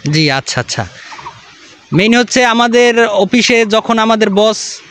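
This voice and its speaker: A man's voice: high voice, expressive, measured pace, a bit bright, a little hiss or hum. A man playing a game show contestant, an office worker telling his story in a plain, earnest way.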